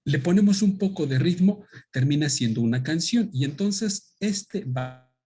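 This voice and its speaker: A man with a Mexican Spanish accent, a native Otomi speaker, giving an explanatory talk to an audience at a book presentation, thoughtful and halting as he searches for words. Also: a little high, lively intonation, mellow, husky. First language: Otomi (Hñähñu).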